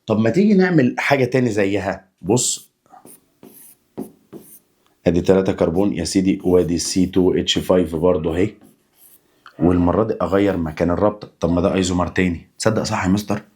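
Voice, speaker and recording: Deep-voiced, a little mellow and slightly rough, this young Egyptian-accented man rushes through an energetic chemistry exam review. He coaxes and chats, then replies to his own questions in the student's place.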